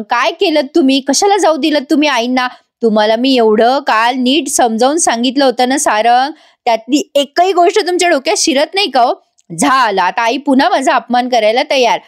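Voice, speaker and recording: A woman retelling a TV serial episode to her audience, acting out each character's lines in quick voices. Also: fairly high pitch. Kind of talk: animated storytelling recap of a TV serial.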